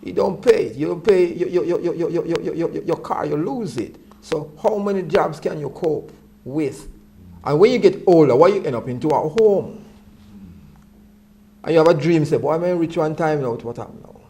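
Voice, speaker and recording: A man's voice: on the high side, normal speed, warm tone, slight background noise. A man with a Jamaican accent speaking Rasta-style with patois phrasing, reasoning conversationally and repeating words for emphasis.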